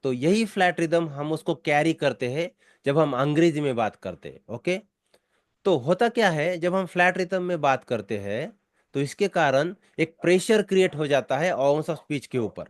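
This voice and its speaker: A man's voice: a little high, animated, a little slow, no room sound, studio quality. An Indian man teaching spoken English, explaining in a mix of Hindi and English and repeating his key points.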